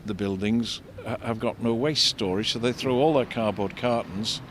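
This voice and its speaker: Older man, fairly low pitch, halting explanatory street commentary, slight background noise. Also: fairly bright tone. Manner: discursive, explanatory, halting with repeats. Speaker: architect and local history guide. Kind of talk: unscripted on-site commentary. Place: outdoors in a shopping street. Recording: vehicle rumble, street noise. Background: faint street traffic rumble.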